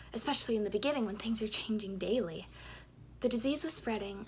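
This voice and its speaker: An actress playing a matter-of-fact school administrator in a film monologue. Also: female voice, mid-range voice, a little hiss or hum, lightly acted. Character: school official reporting on closures.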